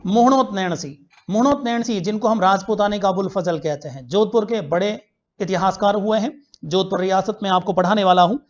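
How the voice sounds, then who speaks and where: A man's voice: high voice, a little fast. Male history teacher in an online class, poses questions, answers them himself, drills key facts; dull lo-fi recording. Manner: repeats key facts for students to remember.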